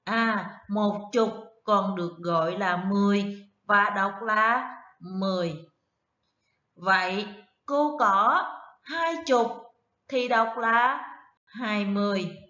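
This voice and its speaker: A woman primary school teacher giving an online math lesson to first graders, counting aloud slowly and prompting the children to repeat after her. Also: mid-range voice, bright, forceful tone, echoey room, dull audio.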